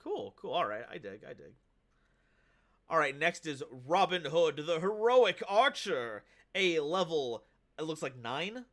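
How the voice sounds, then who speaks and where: Male stream host, casual chat, upbeat, bright tense tone, fairly high voice. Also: lively intonation, measured pace. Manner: upbeat and hype, reads card text aloud.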